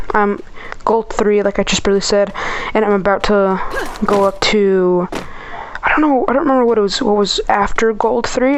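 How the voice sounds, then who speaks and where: A woman's voice: medium pitch, a little hiss or hum, low-quality recording. A woman giving casual, hesitant gameplay commentary, rambling and trailing off, with audible heavy breathing between phrases. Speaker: gamer, first-time video creator.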